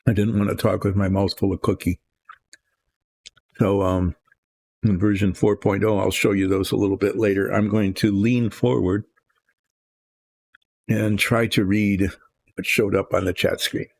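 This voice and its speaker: An older man talks his way through painting models in his home workshop, rambling and thinking aloud as he goes. His voice sits low and rough with a husky, gravelly edge. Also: little pitch movement, unhurried, long pauses, a little mellow. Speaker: hobby painting host. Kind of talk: relaxed workshop chat while painting.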